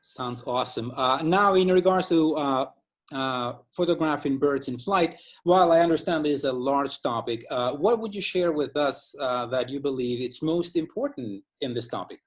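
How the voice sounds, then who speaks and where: Albanian-accented male interviewer, careful and formal, many pauses. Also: medium pitch. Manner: formal, careful wording with frequent hesitation fillers. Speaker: interview host. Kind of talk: semi-formal hosted interview.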